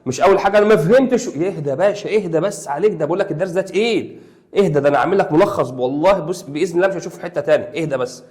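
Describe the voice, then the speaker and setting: An Egyptian man in his young adult years explains math to students online. He talks in a quick rush with a voice pitched a little high. He is playful and encouraging, and he banters with the class like friends. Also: darkish tone. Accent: Egyptian Arabic. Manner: rapid, playful and coaxing, talks to students as pals. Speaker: math teacher.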